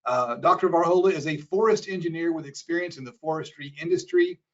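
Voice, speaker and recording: In dull lo-fi webinar audio, a male associate professor moderates and introduces the speaker. His voice is a little high, very animated and fast, and his easygoing manner includes stumbling over a few phrases.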